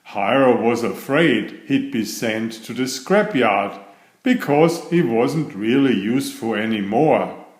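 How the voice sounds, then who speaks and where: A man reads a children's bedtime story aloud with a mid-range voice, taking a deliberate, expressive storytelling approach. He sounds like a storybook reader, and the recording is roomy and echoey.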